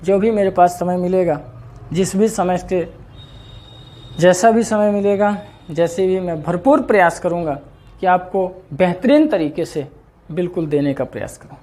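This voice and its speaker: A man teaching an exam-prep grammar lesson, lively and repeating questions to his students. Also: high voice, a little slow. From India.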